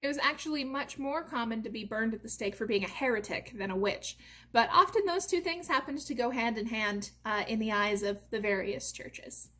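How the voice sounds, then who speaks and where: A young woman from the United States, part of a theatre company, gives an informal educational talk. She sounds lively and explanatory, with a voice on the high side, a normal speed, and lots of "uh" and "um."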